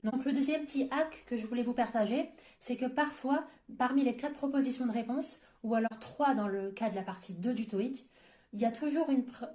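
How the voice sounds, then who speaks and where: A woman giving an exam-prep lesson straight to her viewers, explaining each point step by step in a clear, methodical way. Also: a little high, dark tone, reverberant. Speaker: TOEIC prep teacher.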